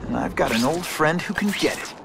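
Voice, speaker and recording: An earnest young American superhero, Peter Parker. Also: male voice, on the high side, expressive, brisk, creaky, noisy background. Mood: determined. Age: young adult. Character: earnest, troubled young male superhero photographer. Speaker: video game voice actor. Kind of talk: dramatic video game cutscene acting. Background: background music.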